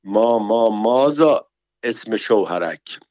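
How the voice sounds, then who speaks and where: A man's voice: medium pitch, lively intonation, no echo, voice pushed up, close to an everyday voice. A man reading a story, voicing a frightened man disguised as a nanny who stammers in panicky broken Arabic. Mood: panicked. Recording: dull, dry recording.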